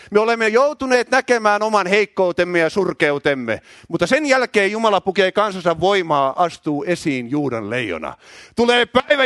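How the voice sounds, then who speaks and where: A middle-aged man preaching a loud, excited charismatic sermon in a church, often shouting and repeating words when worked up. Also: high-pitched, no room sound, clean studio sound.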